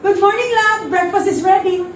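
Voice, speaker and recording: A sweet, patient young wife speaks gently and apologetically in a very high, bright voice, as a woman preacher puts her on. The sound is echoey, as in a church hall, with the mic set far off. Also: moderate pace, a little hiss or hum. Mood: cheerful.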